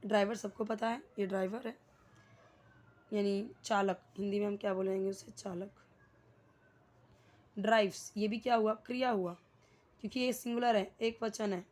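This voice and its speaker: A young woman with an Indian English accent, teaching an English grammar lesson. She explains slowly, asks the class questions and repeats key words. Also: mid-range voice, steady tone, darkish tone.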